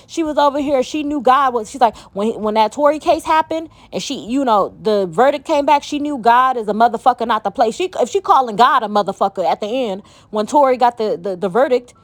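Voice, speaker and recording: A woman's voice: high voice, no room sound. A woman vlogger in a heated, profane commentary rant, talking emphatically.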